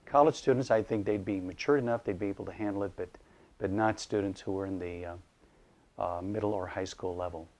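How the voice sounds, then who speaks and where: Middle-aged man from Iraq, an author and educator, somewhat low voice, halting, thoughtful interview delivery. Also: darkish tone. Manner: thoughtful, hesitant with many fillers and restarts. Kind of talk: casual interview monologue.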